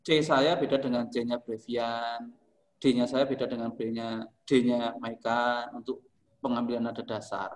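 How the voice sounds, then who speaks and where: A man's voice: mid-range voice, flat delivery, unhurried. A man teaching a school music class, explaining singing technique in an encouraging, joking way. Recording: echoey classroom.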